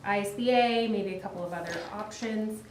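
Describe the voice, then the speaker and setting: A woman's voice: medium pitch, a little fast, background noise. A woman school board member asking direct questions during a training work session. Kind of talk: casual meeting discussion. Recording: echoey meeting room.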